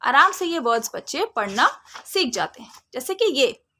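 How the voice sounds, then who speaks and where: A woman giving a phonics lesson to parents, drawing out and sounding out letters slowly. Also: sits high, very animated, pushed and bright. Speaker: phonics teacher.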